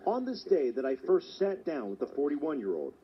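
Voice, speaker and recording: Lively news reporter man narrating. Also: fairly high pitch. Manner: measured storytelling delivery. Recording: dull lo-fi sound, faint hiss.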